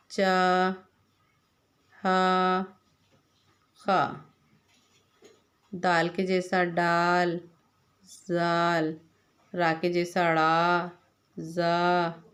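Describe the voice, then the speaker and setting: A woman's voice: on the low side, level tone, very slow, long pauses, a bit bright. A woman teacher patiently spelling out letters one by one for young children and quizzing them as she goes. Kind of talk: slow classroom lesson.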